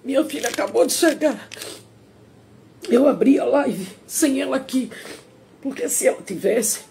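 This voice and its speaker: A woman's voice: high-pitched, expressive, measured pace, vocal fry, dark tone, a little hiss or hum. Tearful Sergipe woman on a live stream. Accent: Sergipe Brazilian Portuguese. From Sergipe, Brazil. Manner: tearful, confessional, pleading. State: crying. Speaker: singer. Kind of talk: emotional live stream monologue. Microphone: phone.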